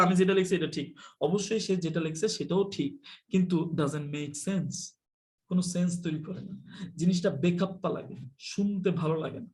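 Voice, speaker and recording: A man with a notably high voice runs a live online English class. He talks in a chatty, teasing way and slips English phrases into his explanations. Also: a little mellow. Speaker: English teacher.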